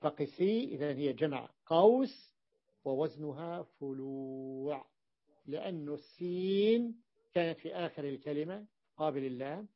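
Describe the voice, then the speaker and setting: A man teaching a grammar lesson in a classroom, repeating words slowly and checking that his students follow. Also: fairly high pitch, animated. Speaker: teacher of Arabic morphology. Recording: dull lo-fi recording.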